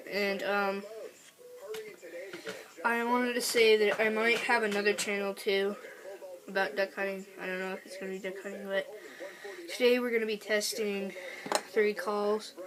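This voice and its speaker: A woman speaking casually and haltingly in an unscripted amateur vlog, a bit sick with a cold. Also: medium pitch, steady tone, crowd noise, low-quality recording. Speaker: amateur vlogger testing duck calls.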